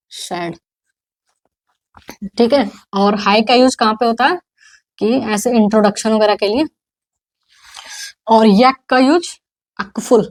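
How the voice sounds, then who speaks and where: A young woman with an Indian accent, teaching an online English grammar class and sounding out words slowly. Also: on the high side, darkish tone. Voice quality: slow, drawn-out pronunciation drills.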